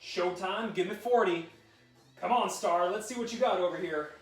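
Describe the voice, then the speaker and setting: Male fitness instructor, high voice, upbeat and encouraging, calls countdowns, recorded from a distance. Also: normal speed, soft background music. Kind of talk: live workout coaching with countdown cues. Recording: roomy sound, mic at a distance.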